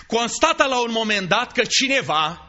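A man preaching a sermon, dramatic and animated, acting out dialogue with shifting voices. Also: extremely high pitch. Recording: dull lo-fi sound.

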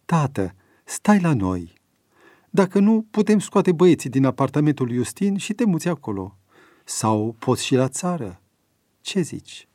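A man's voice: fairly high pitch, very animated, mellow, dry recording, clean studio sound, voice pushed up. A man doing an eager, caring grown son. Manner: eager, persuasive. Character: caring adult son, earnest churchgoer.

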